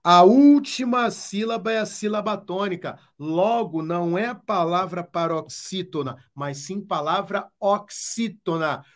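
A Brazilian man teaching Portuguese exam prep, explaining step by step with emphatic, repeated catchphrases. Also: sits high. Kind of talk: exam-prep lesson at a whiteboard.

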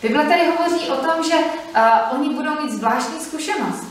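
A woman interpreting a sermon phrase by phrase, fluent and steady with brief hesitations, also reading scripture aloud. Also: high voice, slight background noise. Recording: echoey hall from far off.

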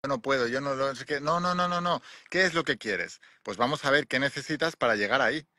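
A man in his forties with a Spanish accent, talking into a phone held at arm's length outdoors, enthusiastically pitching a money mentorship with many tag questions. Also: fairly quick, bright, forceful tone, no echo. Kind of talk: selling a mentorship on a live stream. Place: outdoors on a hillside with sea views.

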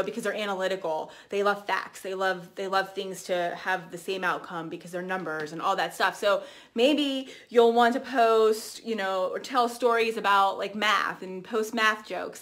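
A woman in her thirties giving a casual, chatty training talk to camera, energetic and full of fillers and restarts. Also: mid-range voice. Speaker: team trainer.

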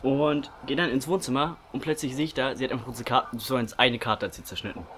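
A man's voice: mid-range voice, fast talker, fairly bright tone, slight background noise. A young man chatting casually as the host of a prank-call video, recorded indoors. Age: young adult. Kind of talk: casual chat. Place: small indoor room with curtain behind. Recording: music faintly behind.

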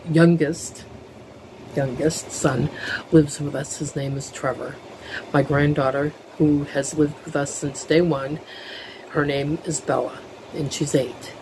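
A middle-aged woman, talking earnestly to a webcam at home, a little nervous, with pauses and "um"s. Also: deep voice, mellow, a little hiss or hum, poor audio. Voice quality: lisp. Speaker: vlogger. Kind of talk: casual talk to camera. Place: living room at home, indoors. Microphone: webcam at desk, close framing.

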